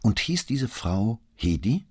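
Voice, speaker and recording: A male reader voicing a patient, courteous middle-aged police detective who asks gentle, polite questions. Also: on the low side, very animated, takes it slowly, slightly rough, pitched above the performer's own voice, heavily acted. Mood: gently probing.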